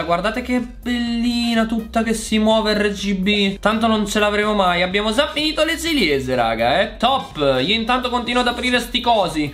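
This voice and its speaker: A man's voice: high voice, a bit bright. A man with an Italian accent giving casual gameplay commentary, chatty and exasperated, talking straight to his viewers. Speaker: gaming YouTuber.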